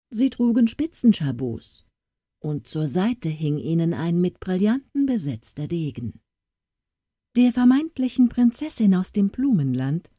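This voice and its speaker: A woman reading a fairy tale aloud as an audiobook narrator, telling it slowly and expressively. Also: fairly low pitch, no echo, clean studio sound. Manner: expressive, slow storytelling with voiced characters.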